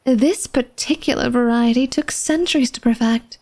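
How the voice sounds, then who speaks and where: Speaking at normal speed in a fairly high, slightly mellow, natural voice, a woman portrays a refined and secretive vampire mistress of a manor. The flirtatious ASMR roleplay has her talking to the listener in a formal, genteel, coy, teasing way.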